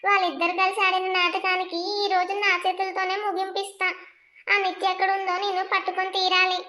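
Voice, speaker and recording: A woman's voice: extremely high pitch, completely flat delivery, brisk, pushed and bright. A woman voicing a bossy, scheming young female mistress in a cartoon, cold and taunting as she gives orders. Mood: demanding. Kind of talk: cartoon voice acting.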